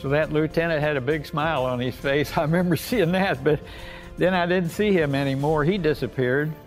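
An older American war veteran recounts his memories in an unscripted oral-history piece, speaking in a folksy, plain-spoken way. His voice is on the high side and fairly quick, with a music bed playing behind him.

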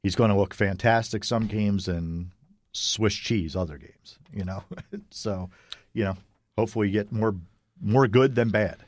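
A man's voice: on the low side, a little slow, darkish tone, dry recording. A man co-hosting a casual sports podcast, easygoing and agreeable, often chuckling. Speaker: podcast co-host.

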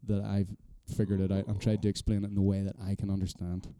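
A man's voice: low voice, completely flat delivery, fast talker, dark tone, clean tone, no echo. A man in casual podcast chat, rambling and self-deprecating, swearing now and then.

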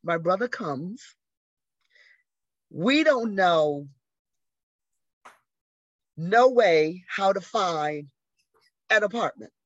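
A woman in her sixties from the American South, guesting on an interview and telling stories in a lively way, acting out the people she quotes. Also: lowish voice, very slow, long pauses, no room sound. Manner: animated storyteller who acts out quoted voices. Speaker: interview guest, arts educator. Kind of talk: conversational storytelling. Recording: dry, slightly dull lo-fi audio.

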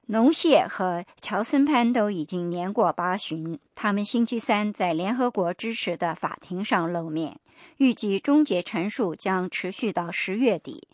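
A woman's voice: mid-range voice, dry recording. Woman reading radio news, dry sound. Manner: even, formal delivery. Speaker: newsreader.

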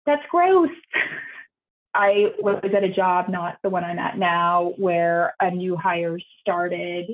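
A young woman architect answers interview questions as a guest on a video call, speaking earnestly and quickly repeating her words. Her voice rises high when she gets excited, and the call audio sounds tinny.

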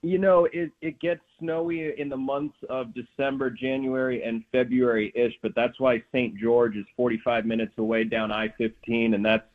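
A man's voice: mid-range voice, flat delivery, moderate pace, few pauses. A man, a play-by-play sports announcer, chatting as a guest on a radio show, calling in over a satellite phone-style line. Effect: remote call over a satellite phone-style line. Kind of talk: casual radio interview. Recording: tinny narrow phone line.

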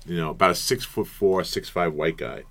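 A middle-aged man, a former college basketball player, telling stories as a guest in an interview and acting out the quotes with lively energy. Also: low voice, moderate pace. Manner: animated storyteller, acts out quotes loudly. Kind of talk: storytelling interview chat.

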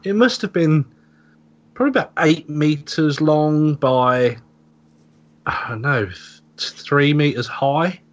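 A man in his thirties, a podcast host, telling a story in a relaxed, hesitant way. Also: on the high side, slow pace. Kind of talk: casual podcast chat. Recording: dull lo-fi podcast audio.

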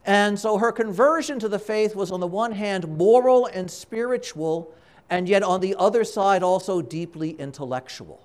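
A man speaking as a priest at Mass, reading and preaching in a measured, deliberate way with dramatic pauses between short phrases. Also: high-pitched. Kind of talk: Gospel reading and homily at Mass.

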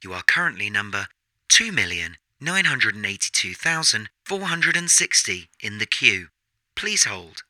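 A man voicing a smug automated phone menu for a comedy sketch, sounding flat and patronizing. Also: lowish voice, moderate pace, dry recording, full character voice. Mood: mock polite.

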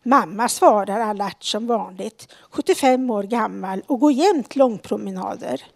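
A woman in her forties reading a personal story aloud on the radio, slowly and earnestly, with a few restarts. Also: mid-range voice, gravelly, no room sound. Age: 40s.

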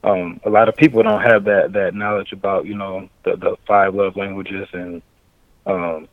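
A man calling in to a casual chat over a muffled remote line that breaks up, talking in a halting way and searching for words. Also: deep voice, little pitch movement, no echo. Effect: muffled remote call line, audio breaking up. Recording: dull lo-fi dry call audio.

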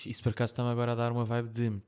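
A man's voice: mid-range voice, completely flat delivery, very fast, darkish tone, smooth. A man with a European Portuguese accent, a podcast co-host reacting with short exclamations and jokes. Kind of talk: casual chat.

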